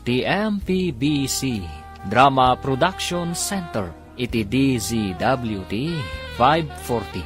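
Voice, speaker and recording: Slow, expressive man announcing over music. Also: medium pitch. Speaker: radio drama announcer. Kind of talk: scripted radio drama narration. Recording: music under the voice. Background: dramatic music.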